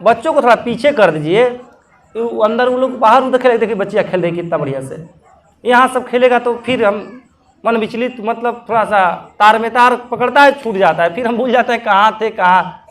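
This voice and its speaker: Male religious storyteller, high voice, lively, humorous. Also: normal speed. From Bihar. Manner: lively, humorous, talks to the audience. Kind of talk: devotional storytelling sermon.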